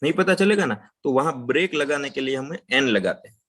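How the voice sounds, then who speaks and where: A man teaching an English grammar lesson, explaining patiently, checking in with "right?" and saying example sentences slowly. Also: mid-range voice, expressive, fairly bright tone.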